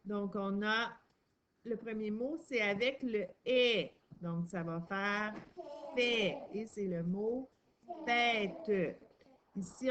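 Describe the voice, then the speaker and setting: Patient woman teacher, unhurried phonics lesson, faint hiss. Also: medium pitch, a bit bright, dull audio. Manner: patient, slow and encouraging, stresses sounds and syllables. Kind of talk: reading lesson for a young child.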